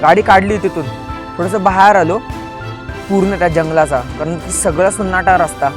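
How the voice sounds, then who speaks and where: High-voiced man telling a tense story. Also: fairly even intonation, moderate pace, over music. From Pune area, India. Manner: vivid retelling, acting out quoted dialogue. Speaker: podcast guest. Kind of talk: storytelling in an interview.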